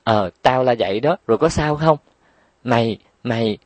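A man's voice: mid-range voice, expressive, moderate pace, no room sound, close to an everyday voice. A man voicing a little sister who cries, tattles and begs for her share. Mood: whiny. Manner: crying, pleading, tattling. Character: tearful, greedy little sister.

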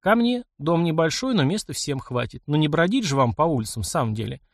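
A blunt, plain-spoken young engineer, gruff but kind, as a male reader plays him, with a lively, varied pitch. Recorded close and dry for an audiobook. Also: brisk, no room sound. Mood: gruff, caring. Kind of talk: audiobook character voice.

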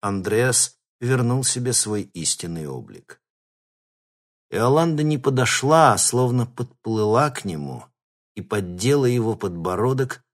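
A man reading an audiobook in steady scripted narration. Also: fairly low pitch.

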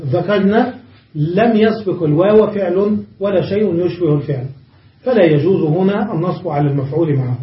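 High-voiced male grammar teacher. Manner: explains step by step with rhetorical questions. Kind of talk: classroom grammar lesson. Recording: dull, echoey room from far off.

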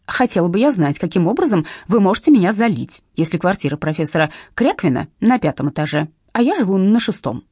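A woman reading as a pompous, commanding general's widow, shouting down her neighbours in a lively, rising and falling voice. Her tone is dark and slightly husky, close and dry in the recording. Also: on the low side, fast talker, hardly any pauses, no echo. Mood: indignant. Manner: indignant, scolding, loud. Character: bossy pompous middle-aged general's widow.

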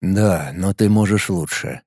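A man voicing an entranced young man who answers questions in a flat, mechanical monotone. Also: low voice, measured pace, no room sound, studio quality, pitched below the performer's own voice. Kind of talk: audiobook narration.

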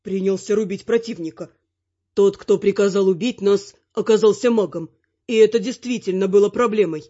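A woman's voice: medium pitch, moderate pace, mellow, lo-fi sound. Woman narrating a fantasy audiobook.

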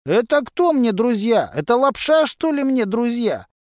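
For an audiobook, a man delivers a full character voice as a brash, mocking mechanic who uses criminal slang, pitching it very high above his own voice. The delivery is sing-song at a measured pace, with clean studio sound and no room sound.

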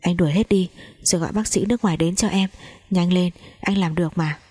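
A woman's voice: lowish voice, a little fast, darkish tone, husky, dry recording. Woman reading a grieving young heiress. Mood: pleading. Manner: pleading, broken speech. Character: young woman, twenty, grief-stricken rich heiress.

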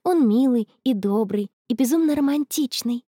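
Storybook teen girl, dreamy and stubborn, read by a woman; soft, dry, close delivery. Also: fairly high pitch, lively intonation, moderate pace, husky, dry recording. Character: dreamy stubborn schoolgirl in love, teenage.

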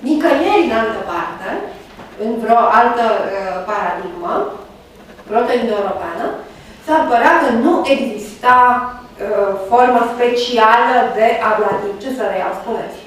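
A woman giving a university lecture, pausing often with fillers and checking in with her students. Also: fairly high pitch, animated. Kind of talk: classroom lecture. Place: lecture room. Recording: very echoey room, mic far off, faint background noise.

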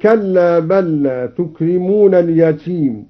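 A man introducing a Quran recitation on the radio, who explains the reading variants in a measured way and then chants each verse example. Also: on the high side, lively intonation. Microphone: studio broadcast microphone. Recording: slightly dull archival radio recording.

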